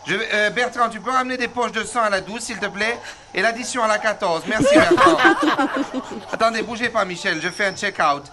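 A man's voice: high voice, brisk, over a noisy crowd, natural voice. A man voicing a brusque, harried middle-aged female hospital receptionist who snaps at callers mid-sentence, in a radio comedy sketch. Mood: bossy.

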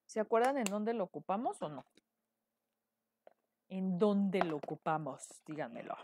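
A woman's voice: mid-range voice, expressive, unhurried, a little mellow, a little hiss or hum. Chatty Mexican woman teaching painting. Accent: Mexican Spanish. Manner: chatty, asks viewers questions often. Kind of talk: live painting tutorial.

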